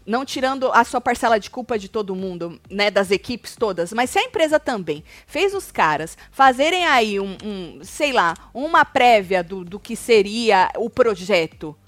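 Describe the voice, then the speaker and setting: A woman's voice: medium pitch, lively intonation, moderate pace, few pauses, dry recording. A woman with a Brazilian accent hosting a web show, chatting casually and emphatically about gossip.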